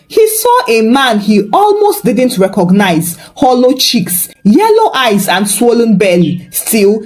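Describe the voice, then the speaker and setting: Woman telling a story, animated pitch, soft music under it. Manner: dramatic, expressive. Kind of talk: scripted story narration.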